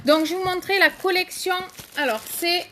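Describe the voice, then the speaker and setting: A woman's voice: very high-pitched, moderate pace, background noise. A woman hosting a casual live stream, chatting to viewers by name and showing makeup products, with many fillers.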